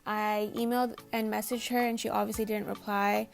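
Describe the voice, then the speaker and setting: A little fast and gravelly, with a medium pitch and little pitch movement, a woman whose first language is Tamil reads scripted narration for a home makeover video. As a DIY vlogger she's casual, chatty and self-deprecating, with faint music behind her.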